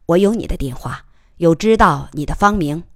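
Woman reading a calm, wry plainclothes cop. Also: lowish voice, normal speed, no echo, studio quality. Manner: even-tempered, wry. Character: calm, smooth-talking young plainclothes policeman.

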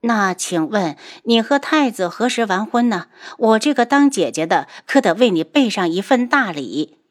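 A young princess gives orders in a cool, clipped, commanding tone, as a woman narrator plays her. The delivery stays lively in pitch yet controlled. Audiobook drama. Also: normal speed. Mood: cold. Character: cold, commanding young princess, calm and cutting.

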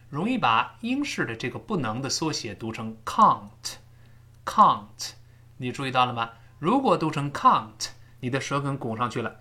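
A man teaching English pronunciation in a recorded lesson, explaining step by step and drawing out sample words slowly. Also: medium pitch, bright, forceful tone.

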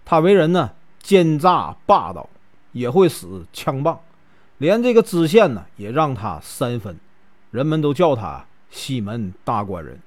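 A man from Northeast China, narrating a classic tale in a folksy, chatty way with drawn-out particles. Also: medium pitch, big pitch swings. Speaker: storyteller.

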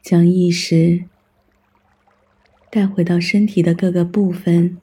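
Husky, very slow, calm meditation guide. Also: mid-range voice. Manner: calm, soothing, instructional delivery with long pauses. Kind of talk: guided mindfulness meditation, scripted narration.

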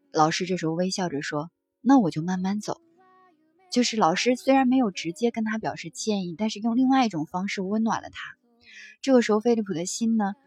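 A woman reading passages from a book aloud and reflecting on them in a gentle, conversational way, with soft fillers between thoughts. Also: mid-range voice, breathy edge, dry recording. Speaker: book-sharing presenter.

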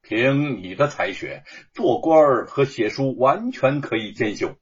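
A man voicing Li Chunfang, a frank, earnest young male scholar in a told story, speaking persuasively and a little louder than his narration. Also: mid-range voice, very animated, a little slow, breathy edge, lo-fi sound, full character voice.

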